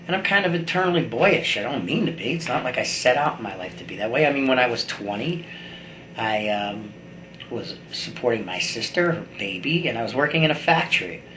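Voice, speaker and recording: Speaking in a mid-range voice that is expressive and fairly quick, a middle-aged man delivers a rambling, blunt, opinionated monologue like a video blogger addressing his camera. The room sounds echoey, with faint background noise.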